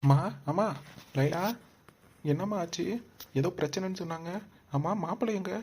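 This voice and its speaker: A woman's voice: fast, heavy background noise, lightly acted. A woman voicing an earnest, kind young man in a cartoon. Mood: worried. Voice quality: low put-on voice. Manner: earnest, puzzled village talk. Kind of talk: cartoon voice acting. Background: background music.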